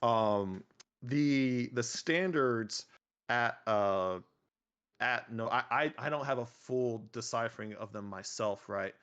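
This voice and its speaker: A young man chatting casually as a podcast guest, animated and rambling, full of fillers and restarts. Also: medium pitch, slow, clean tone, highs cut off. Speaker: podcast guest, miniature painter. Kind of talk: casual conversational interview.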